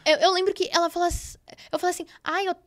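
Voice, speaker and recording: A woman's voice: extremely high pitch, little pitch movement, rapid-fire. A young woman with a Brazilian Portuguese accent, a podcast guest telling stories in a bubbly, gushing way. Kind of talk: casual podcast chat.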